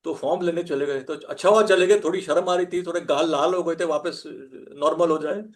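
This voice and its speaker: High-voiced man in his sixties. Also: steady tone, brisk. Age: 60s. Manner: self-deprecating, humorous, chuckling often. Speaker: podcast guest. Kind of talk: anecdotal conversational storytelling.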